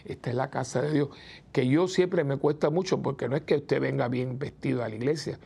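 Gravelly-voiced priest talking with his listeners. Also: medium pitch, warm tone. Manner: chatty, asks the listeners rhetorical "¿no?" questions; acts out the people he quotes. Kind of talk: conversational preaching talk.

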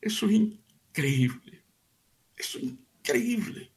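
A middle-aged man hosting a radio devotional, telling an anecdote in an animated way and speaking to his listeners as family. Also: takes it slowly. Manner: addresses listeners warmly as family; animated storytelling, pitch jumps up for emphasis. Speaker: radio show host.

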